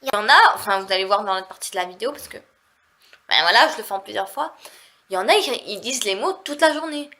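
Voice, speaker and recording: A woman's voice: mid-range voice, expressive, fast, bright, forceful tone. A woman from southern France with a nasal voice, chatting casually and rambling in a vlog. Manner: chatty, rambling, heavy on fillers. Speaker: vlogger.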